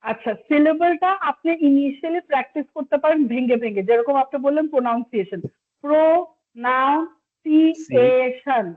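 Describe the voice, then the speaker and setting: A high-voiced woman from Bangladesh leads an online exam-prep class, explaining patiently and apologizing when she must say no. Her voice comes through a thin, phone-like call line. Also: fairly quick, few pauses. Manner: polite, apologetic, explains step by step, mixes in English. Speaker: PTE instructor. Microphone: video call.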